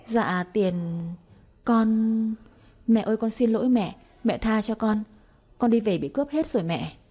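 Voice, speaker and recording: A woman's voice: on the high side, a little slow, mellow. A woman voicing a timid, frightened young woman who stammers and pleads, in an audiobook reading. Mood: pleading.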